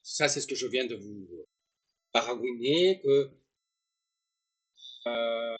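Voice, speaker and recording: A man's voice: medium pitch, takes it slowly, breathy edge. A man giving a casual, joking online lesson, with rambling asides to his viewers. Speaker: German teacher.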